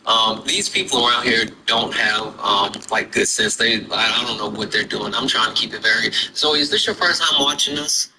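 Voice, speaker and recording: A man hosting a casual livestream chat with callers, talking in a halting way with many ums and restarts. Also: fairly low pitch, background noise. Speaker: livestream host.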